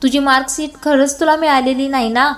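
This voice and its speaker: A woman voicing an angry young elder brother who scolds harshly, in her own high voice. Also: steady tone, brisk, a bit bright.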